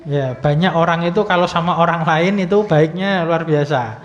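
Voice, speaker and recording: A man's voice: fairly high pitch, normal speed. A man teaching Arabic grammar in a religious study lesson, explaining patiently with many fillers and light humor. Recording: muffled recording with long hall reverb.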